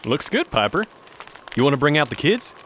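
A man's voice: a little high, very animated, fairly quick, a bit bright, a little hiss or hum. An actor playing a folksy mountain man telling a story by the campfire in an audio drama.

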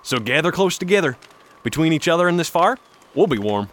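A man's voice: a little high, very animated, a little fast, fairly bright tone. An actor playing a folksy mountain man telling a story by the campfire in an audio drama.

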